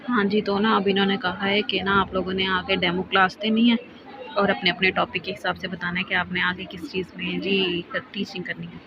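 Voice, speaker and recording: Young woman vlogger, rambling storyteller, even monotone delivery, muffled phone audio with clear background noise. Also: mid-range voice, fairly quick, a crowd in the background. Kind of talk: casual vlog storytime.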